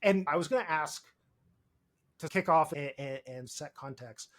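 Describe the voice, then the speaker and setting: A man's voice: on the high side, moderate pace, a bit bright. A man hosting a podcast, asking guests questions in an upbeat, chatty way. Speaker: podcast host. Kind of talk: casual interview.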